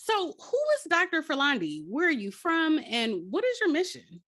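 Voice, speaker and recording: Casting: upbeat woman podcast host, lively animated pitch, dry close sound. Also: moderate pace, no room sound. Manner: upbeat, affirming interviewer. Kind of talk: podcast interview.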